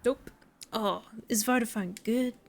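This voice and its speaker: A woman's voice: a little high, a little slow, vocal fry. A woman streaming a game, chatting casually with viewers, rambling and swearing freely. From Australia.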